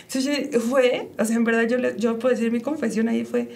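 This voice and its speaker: A woman's voice: a little high, steady tone, fairly quick, creaky, darkish tone. A middle-aged woman, emotionally sharing her personal faith testimony and often quoting her own inner thoughts. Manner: emotional, with frequent fillers and quoted inner speech.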